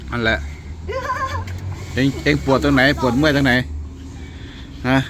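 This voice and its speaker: A man's voice: medium pitch, steady tone, measured pace, a bit bright, a little hiss or hum. A man casually coaching a group, giving repeated, urging instructions. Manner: repetitive, urging commands. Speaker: coach supervising trainees in an ice bath.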